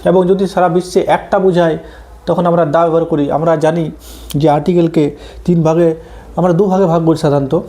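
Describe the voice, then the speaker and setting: A male teacher walks students through English articles for an exam, pausing often to check they follow. His voice sits high for a man. The tone is soft and mellow rather than bright. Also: fairly even intonation. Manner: explains step by step, often checks understanding. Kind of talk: exam-prep grammar lesson.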